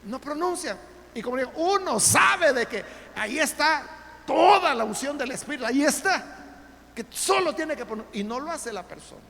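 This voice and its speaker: A man's voice: very high-pitched, lively intonation, normal speed, gravelly, pushed and bright, a little hiss or hum. A male pastor preaching emphatically in a church, asking rhetorical questions and speaking straight to his listeners. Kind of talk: sermon. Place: church sanctuary. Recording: long church reverb, faint background ambience.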